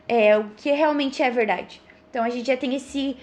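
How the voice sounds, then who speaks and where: This Brazilian woman, thirty years old, has a distinctly high voice. As a podcast guest she explains things casually and earnestly, sometimes halting and often adding tags to her phrases to seek agreement.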